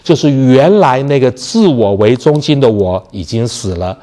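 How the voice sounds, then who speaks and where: A man preaching a sermon. He poses rhetorical questions and answers them himself, slows down to stress key phrases, and starts many sentences with the same habitual filler word. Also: mid-range voice, expressive, warm tone. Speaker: pastor.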